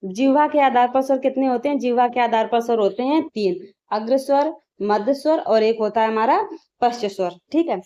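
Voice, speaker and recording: A woman's voice: on the high side, brisk, warm tone. A woman teaching grammar for exam prep, checking in with "ठीक है" after points and asking then answering her own questions. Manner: repeats "ठीक है" as a check-in, drills sounds aloud; asks questions and answers them herself. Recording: slightly dull lo-fi audio.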